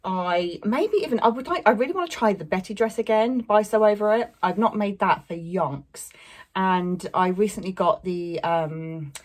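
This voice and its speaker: In a casual fabric haul, this young English sewing vlogger rambles about her purchases, full of fillers and small laughs. She speaks in a mid-range voice at a normal pace.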